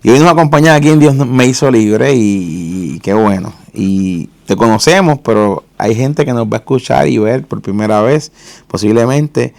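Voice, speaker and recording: Man, faith show host, gravelly low voice, dry studio sound. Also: a little mellow, dry recording. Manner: fervent religious greetings, measured questions. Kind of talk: faith interview.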